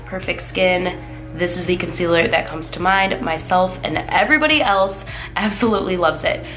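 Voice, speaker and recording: A young woman in her twenties, a beauty vlogger, talks through her makeup routine in an upbeat, chatty way, filling gaps with lots of filler words. Her voice is medium in pitch and fairly bright, though nasal because she's getting over a cold.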